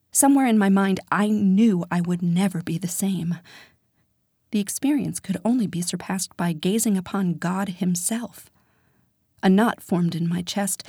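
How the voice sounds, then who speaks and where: A woman reading a first-person romance story, soft and intimate, often dropping to a whisper. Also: medium pitch, husky, dry recording, studio quality. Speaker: audiobook narrator.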